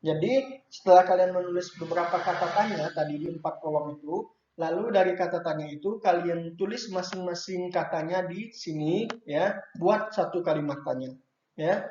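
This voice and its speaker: A fairly high-voiced man patiently walks young children through a workbook lesson, pausing with small checks as he goes. The sound is roomy and echoey, with a dull, lo-fi edge. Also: a little mellow, slight background noise. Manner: patient, adds "ya" and "nah" to checks and turns. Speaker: primary school teacher.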